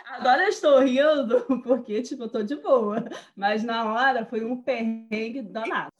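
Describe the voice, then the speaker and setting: A woman telling a personal story in casual chat, animated and slangy, laughing as she talks. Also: on the high side, slight background noise.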